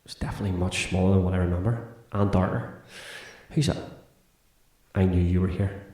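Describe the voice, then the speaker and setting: A man hosting a school podcast in a scripted comedy sketch, with a brisk, teasing, chatty manner. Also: sits low, steady tone, warm tone, heavy reverb. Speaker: teacher and podcast host.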